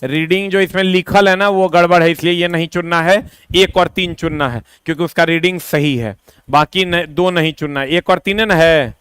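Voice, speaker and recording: A man teaching an online exam-prep lesson, chatty and repetitive, with quick asides to his students. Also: a little high, fairly bright tone, smooth, dry recording.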